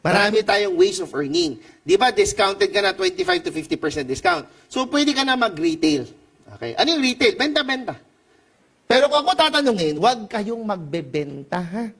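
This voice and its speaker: A man with a high, bouncy voice presents a business seminar to a live audience in an event room. His pitch swoops up and down as he jokes and teases the crowd. He keeps throwing questions out and pushing for answers. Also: sing-song, moderate pace, gravelly, fairly bright tone. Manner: playful and teasing, calls out to the audience for answers.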